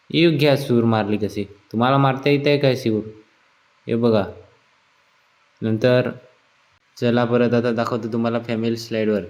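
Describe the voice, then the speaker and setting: A man's voice: mid-range voice, darkish tone. A man who works at a resort, giving casual, playful vlog commentary and teasing the people he films. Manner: chatty, teasing, playful narration. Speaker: vlogger working at a water park resort.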